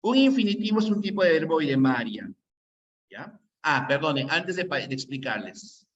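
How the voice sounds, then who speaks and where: A man's voice: a little high, expressive, normal speed, lo-fi sound. A man teaching an online grammar class, quizzing students with rhetorical questions. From Peru.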